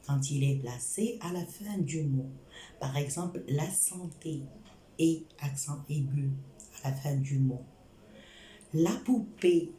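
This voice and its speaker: A woman with a low, mellow voice gives a French lesson at an unhurried pace. She repeats her points and spells out examples one by one. The room sounds echoey, with a faint hiss. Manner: slow, repetitive, spells out examples. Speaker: French teacher. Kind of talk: spoken grammar lesson.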